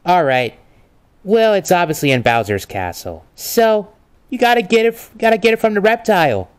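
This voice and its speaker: In an amateur comedic role-play, a male actor plays a mischievous young trickster and liar, coy and teasing, stretching out his feigned innocence. His high, sing-song voice has a clean tone and a playful mood.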